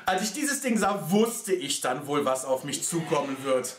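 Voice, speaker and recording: A man's voice: a little high, sing-song, normal speed. A young man performing as a drag queen, bantering through a comic challenge in a campy, dramatic, whiny way. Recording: roomy, music behind.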